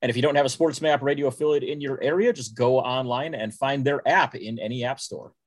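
A man from Texas co-hosting a sports podcast, talking in a smooth, measured radio-announcer way. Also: mid-range voice, no echo. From Dallas, Texas, US. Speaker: podcast co-host. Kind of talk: casual podcast chat.

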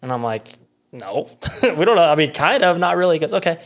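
Man, American accent, rapid storyteller, fillers, acted-out quotes. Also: fairly high pitch, sing-song, fairly bright tone. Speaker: podcast guest telling a story. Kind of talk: casual storytelling chat.

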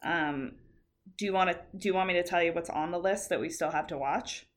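A woman in her late twenties with a raspy, vocal-fry voice, chatting casually and bluntly as a podcast co-host. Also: lowish voice, fairly quick. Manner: blunt, swearing freely. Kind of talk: casual chat.

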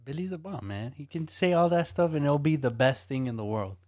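A man's voice: fairly high pitch, lively intonation, a little fast, a little mellow. A man co-hosting a casual chat, laughing along and echoing his partner. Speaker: podcast co-host.

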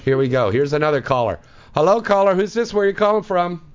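A man's voice: high voice, lively intonation, quick pace. A man hosting a raunchy radio call-in show, joking and teasing the callers. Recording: dull lo-fi radio broadcast, faint hiss.

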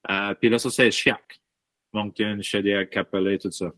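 A man's voice: lowish voice, measured pace, no echo. A man in his thirties from Baie Sainte-Marie with an Acadian French accent, chatting as a musician guest and mixing English words into his French. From Baie Sainte-Marie, Nova Scotia. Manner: mixes English words into French, lively storytelling. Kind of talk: casual interview chat.

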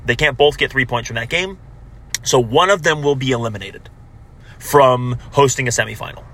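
A man co-hosting a casual soccer recap, correcting himself as he goes, heard on low-quality audio recorded while driving in a car. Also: moderate pace, fairly bright tone. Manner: talks through standings with frequent self-corrections. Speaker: podcast co-host. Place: moving car.

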